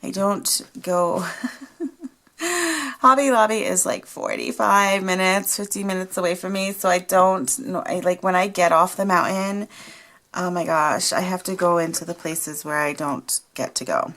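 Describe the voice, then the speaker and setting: Chatty woman with a gravelly morning voice. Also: fairly low pitch, steady tone, a little slow, fairly bright tone. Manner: rambling, chatty, laughs often. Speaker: craft vlogger. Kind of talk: casual chat. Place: home craft room.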